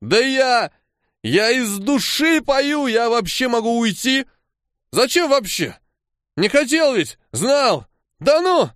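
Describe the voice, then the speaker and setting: A man voicing a drunk, rowdy man who slurs his words and shouts at his friends. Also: sits high, sing-song, unhurried, dry recording, studio quality, voice pushed up, heavily acted. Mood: self-pitying. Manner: slurred, shouting. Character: drunk man, rowdy, slurring, self-pitying.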